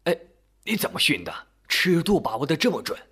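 A man's voice: a little high, big pitch swings, brisk, pushed and bright, slightly rough, pitched above the performer's own voice, full character voice. A man voicing a puzzled, curious old man who keeps asking questions. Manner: questioning, exclaiming.

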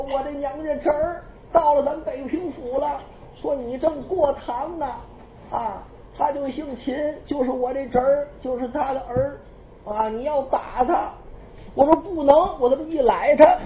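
Woman doing a shrill, wailing old princess. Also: warm tone, a little hiss or hum. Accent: Beijing. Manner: shrill wailing, drawn-out pleading.

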